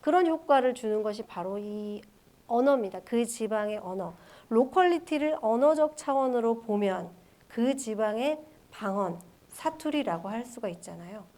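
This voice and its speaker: A woman's voice: fairly high pitch, expressive, normal speed, mellow. A woman giving an online university literature lecture, explaining a poem line by line with rhetorical questions. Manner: reads quoted verse lines aloud.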